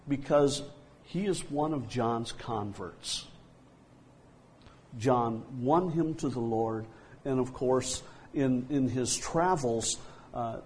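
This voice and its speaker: A man preaching a sermon, hesitant with frequent fillers and restarts, dropping to a soft hush for quoted words. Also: medium pitch, slight background noise.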